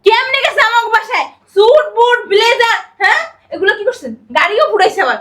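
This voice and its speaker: A woman's voice: very high-pitched, expressive, quick pace, fairly bright tone. A middle-aged woman playing a haughty rich mother who scolds with mocking questions. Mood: scornful. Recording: echoey room.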